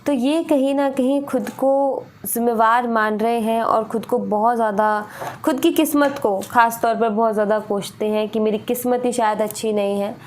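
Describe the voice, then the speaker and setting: A woman's voice: a little high, fairly even intonation, moderate pace, slight background noise. A woman giving a tarot reading, earnest and repetitive, often slipping in "you know". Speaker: tarot reader.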